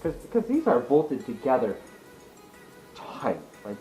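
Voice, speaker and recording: Animated man explaining things emphatically over music. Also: mid-range voice, slow, poor audio. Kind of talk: casual chat about cars. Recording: music in the background.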